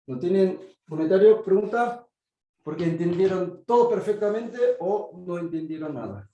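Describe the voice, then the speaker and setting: In an echoey room with dull audio, a man with a high, expressive, mellow voice speaks at normal speed. He teaches biblical Greek grammar in an online class, speaking Spanish as a second language with a Korean accent and frequently checking understanding with "¿sí?".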